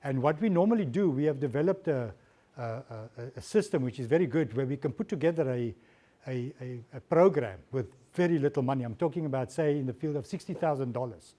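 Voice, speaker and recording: A man's voice: mid-range voice, expressive, brisk, dark tone. A man, a diplomat answering audience questions at a guest lecture, often repeating words as he searches for phrasing. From South Africa.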